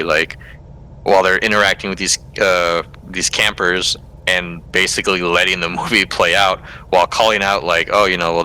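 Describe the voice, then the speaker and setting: A man's voice: sits low, pushed and bright, a little hiss or hum, rough recording. A man co-hosting a casual podcast, retelling a movie plot in a rambling, filler-heavy way. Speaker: podcast co-host. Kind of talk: casual movie recap chat.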